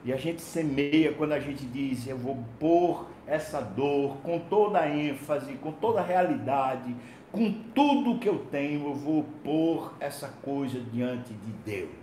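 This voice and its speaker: A man's voice: animated, measured pace. Impassioned preacher man in an echoey room. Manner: swings from loud emphatic calls to quiet low murmurs. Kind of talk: sermon. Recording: echoey room with faint low rumble.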